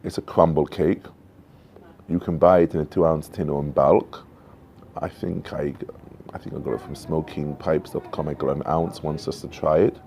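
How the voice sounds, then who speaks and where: A man in his fifties chatting casually to camera outdoors, in an unhurried, musing manner with frequent pauses. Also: a bass voice, fairly even intonation, gravelly, darkish tone. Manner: unhurried, musing, pausing often. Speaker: pipe tobacco reviewer. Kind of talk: casual vlog chat. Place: covered porch outdoors at night. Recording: noisy home-made outdoor recording.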